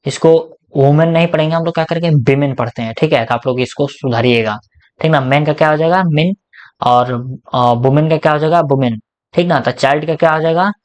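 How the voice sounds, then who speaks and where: Male grammar tutor, Hindi accent, slightly high voice, casual and explanatory, asks and answers his own questions. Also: fairly quick. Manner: asks questions and answers them himself, repeats "ठीक ना?" often. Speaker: English grammar teacher.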